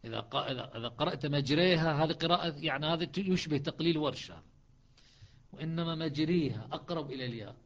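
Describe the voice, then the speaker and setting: A man with a fairly high voice teaches the differences between recitation readings. He explains methodically and patiently, pausing and restarting as he works through each point. The recording sounds dull and lo-fi. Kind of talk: explanatory lesson on recitation variants.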